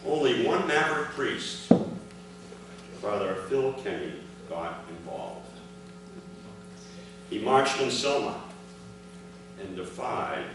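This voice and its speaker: At a commemoration, a man with a low voice reads his father's written memoir aloud to an audience, delivering the first-person account in measured, separated phrases. He is recorded from afar in a large, echoey event room with clear background noise.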